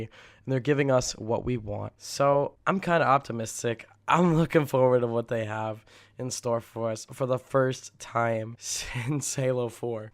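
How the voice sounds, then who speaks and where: A young man with a raspy voice, rough from being sick, giving earnest, opinionated casual commentary to viewers as a gaming video creator. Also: mid-range voice.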